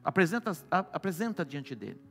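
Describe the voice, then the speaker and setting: Brazilian guy preaching, bright tense voice, kinda high for a man, goes loud then hushed. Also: very animated, brisk, vocal fry, faint music behind. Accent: Brazilian Portuguese. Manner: swings between loud exclamations and soft hushed lines. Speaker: apostle preaching. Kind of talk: sermon.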